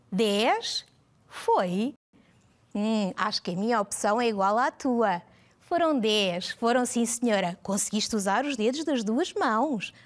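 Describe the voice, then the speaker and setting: A woman with a European Portuguese accent teaching young children on screen, animated and sing-song, drawing out each syllable. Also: a little high. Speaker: primary school teacher. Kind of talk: televised lesson for young children.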